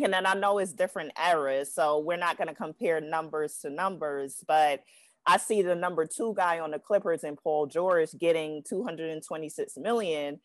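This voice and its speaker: Woman, lower-pitched, casual sports podcast host, dry close podcast mic sound. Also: no room sound.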